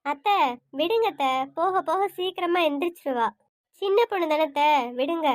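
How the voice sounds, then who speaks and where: A woman voicing a gentle elder daughter-in-law who calms the family quarrel in a cartoon. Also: very high-pitched, moderate pace, no room sound, clean studio sound. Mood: soothing. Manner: soothing, calm.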